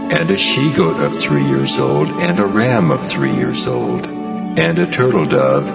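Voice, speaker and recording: An actor playing God as a solemn, commanding divine voice in a dramatized scripture reading. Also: male voice, low voice, wildly swooping pitch, measured pace, gravelly, heavily acted. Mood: majestic, commanding. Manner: solemn, declamatory. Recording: long cavernous reverb over music.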